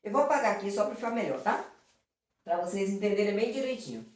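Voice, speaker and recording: Fast and expressive, a woman teacher with a mid-range, slightly mellow voice runs through exam questions in a prep lesson. She speaks with affection, uses many diminutives, and checks in with students all the time. Captured far from the mic in a very echoey space.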